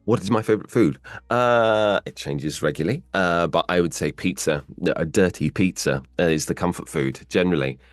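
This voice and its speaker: A man working as a voice actor, answering interview questions in an animated way and playing with his pitch as he explains. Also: moderate pace, hardly any pauses, no echo, clean studio sound, soft background music. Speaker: voice actor guest.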